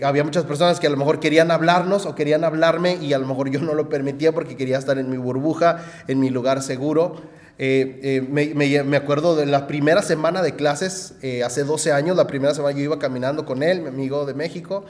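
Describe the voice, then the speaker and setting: A man, preaching a sermon in a conversational way, often adding "¿verdad?" and pausing on fillers. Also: a little high, steady tone, darkish tone, in a large hall. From Mexico. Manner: conversational, frequent "¿verdad?" tags and hesitations. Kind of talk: sermon with personal story.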